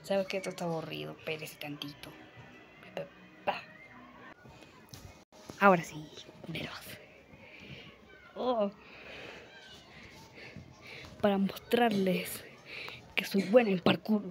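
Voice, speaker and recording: A woman's voice: mid-range voice, fairly even intonation, slow, creaky, long pauses. A woman giving casual gameplay commentary, playfully boasting, grunting with effort and whispering asides, her throat a little sore. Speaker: gamer.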